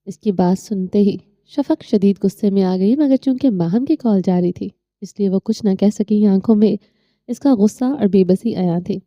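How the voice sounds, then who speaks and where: Woman narrator, audio novel, very dark mellow voice, dry close sound, slightly dull audio. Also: medium pitch, dry recording.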